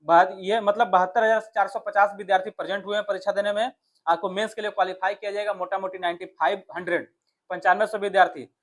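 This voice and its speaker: Speaking fast in a high, level voice, a man with a Bihari accent coaches viewers for exams. He explains things informally and directly, addressing the audience and frequently posing questions he then answers himself.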